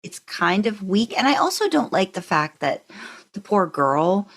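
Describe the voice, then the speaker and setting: In a mid-range, sing-song voice with a fairly bright tone, a woman co-hosts a podcast at an unhurried pace. She narrates professionally, and here she chats casually with fans in mind, offering opinions padded with hedging asides.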